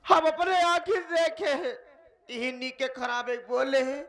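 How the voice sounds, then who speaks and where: A man's voice: very high-pitched, unhurried, fairly bright tone, heavily acted. A man playing an anxious, doting elder sister in a folk stage play, insistent and pleading.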